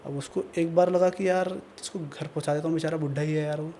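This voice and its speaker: A man with a Pahari Hindi accent telling a horror story in a casual, animated, conversational podcast style. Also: on the high side, quick pace, a little hiss or hum. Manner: animated, conversational, acts out voices. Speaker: storyteller guest. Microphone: podcast mic.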